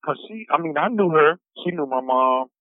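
A man speaks over a thin, phone-like payphone line, his voice pinched and narrow with no room around it. He rambles softly and lets his sentences trail off, calling collect from prison. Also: on the high side, lively intonation, moderate pace, no room sound. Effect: heard over a prison payphone line. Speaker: incarcerated caller on a collect call. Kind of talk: casual phone conversation. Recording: tinny dry phone line.

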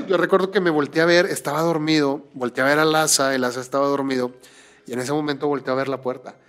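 A man's voice: fairly high pitch, fast. Man telling a dream story. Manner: animated, restarts and repeats words. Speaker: podcast host. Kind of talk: casual chat, storytelling.

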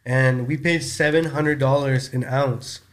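A man's voice: mid-range voice, fairly even intonation, unhurried. A man from Canada in his thirties, a store-owner guest chatting casually on a podcast in a laid-back, rambling way. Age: 30s.

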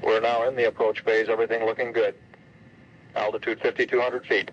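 A man's voice: lowish voice, level tone, brisk, muffled recording. A man giving terse, matter-of-fact callouts over a crackly space radio transmission with beeps. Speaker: astronaut and mission control radio traffic. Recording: noisy archival radio transmission.

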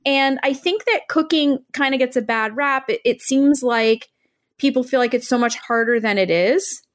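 A woman's voice: sits high, moderate pace. A woman hosting a podcast, upbeat and enthusiastic as she introduces guests and topics. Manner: upbeat, enthusiastic promotional delivery. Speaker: podcast host, interior designer.

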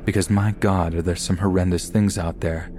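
Deep-voiced man narrating a horror story. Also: fairly even intonation, normal speed, a little mellow, slight background noise. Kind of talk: scripted narration.

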